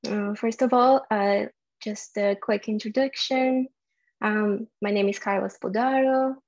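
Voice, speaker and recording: Brazilian-accented woman with gravelly voice. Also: mid-range voice, steady tone, a little slow, darkish tone, muffled recording. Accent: Brazilian Portuguese. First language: Portuguese. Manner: explanatory, many filler ums and uhs. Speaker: software developer giving a conference talk. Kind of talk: online tech talk presentation.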